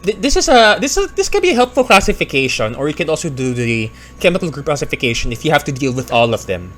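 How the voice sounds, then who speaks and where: A man's voice: fairly high pitch, very animated, fast, a bit bright, a little hiss or hum. A man from the Philippines, a pharmacist giving casual explanatory commentary while reacting to a video, thinking aloud and correcting himself.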